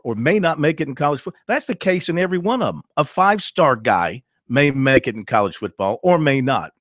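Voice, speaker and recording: A man in his thirties hosts an opinionated sports talk radio show, ranting emphatically and laughing easily. His voice is medium in pitch, and the recording is studio quality with no echo.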